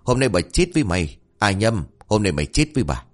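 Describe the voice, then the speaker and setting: Scolding old village mother-in-law read by a deep-voiced man, shouty curses, swinging pitch. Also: sing-song, quick pace. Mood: furious.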